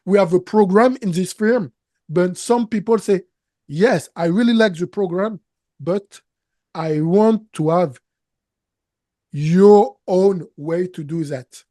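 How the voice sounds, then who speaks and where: A dry, studio-quality recording captures a high-pitched, dark-toned man, a Canadian business coach and native French speaker with a French accent. Being interviewed, he speaks slowly, emphatically and earnestly, with non-native grammar slips.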